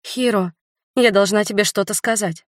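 A woman's voice: mid-range voice, moderate pace, no echo, studio quality, lightly acted. A woman voicing a spirited young runaway countess in an audiobook, speaking in a raised, emphatic way. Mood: indignant.

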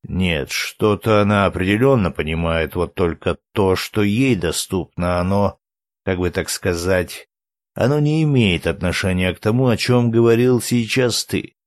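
A man's voice: low voice, unhurried, no room sound. A man reading an audiobook, voicing a blunt, practical male character who prods with dry questions. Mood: thoughtful. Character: blunt, practical red-haired violinist man.

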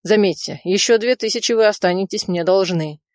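A woman voicing a grim male lieutenant colonel who speaks in slow, measured menace, in a storybook reading. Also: mid-range voice, dry recording, studio quality, natural voice. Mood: dry.

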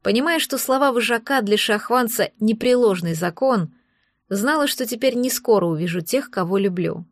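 A woman's voice: fairly high pitch, expressive, moderate pace, dry recording, clean studio sound. A woman reading a first-person fantasy audiobook with emotive storytelling. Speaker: audiobook narrator.

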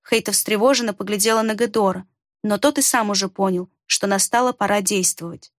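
A woman's voice: medium pitch, dry recording, clean studio sound. Woman narrating a fantasy audiobook. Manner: steady, measured storytelling.

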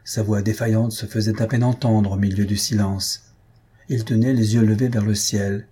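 Dark, husky male audiobook narrator. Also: on the low side, steady tone. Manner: measured dramatic reading, lifting his voice for characters' shouts. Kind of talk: scripted audiobook reading.

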